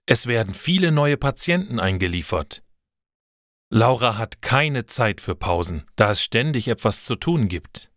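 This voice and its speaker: A man reading simple stories aloud for language learners, slow and clear. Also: medium pitch, a bit bright, no echo, studio quality. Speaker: narrator. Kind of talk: scripted narration for language learners.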